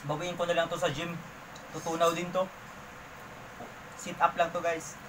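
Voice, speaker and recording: A man's voice: on the high side, flat delivery, normal speed, background noise. Man talking while chewing. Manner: chatty, addresses viewers directly. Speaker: vlogger. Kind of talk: casual mukbang vlog. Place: indoors at home, by his bed.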